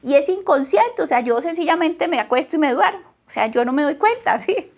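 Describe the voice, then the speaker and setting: A woman's voice: high-pitched, animated, brisk. A woman preaching a sermon, who talks emphatically, repeats her phrases and keeps asking the listeners questions. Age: adult mother.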